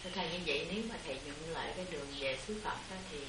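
A woman disciple questions her teacher very fast, in a slightly low voice, stopping and restarting. She is far from the mic in an echoey room with other people audible. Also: crowd noise. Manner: respectful, hesitant, restarts phrases. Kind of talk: polite questioning.

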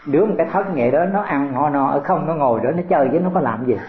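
A man's voice: fairly high pitch, fast talker. Older man, Buddhist sermon, folksy rhetorical questions, roomy echo. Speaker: Buddhist teacher. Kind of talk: dharma talk to disciples. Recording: echoey room over a tinny phone-like line.

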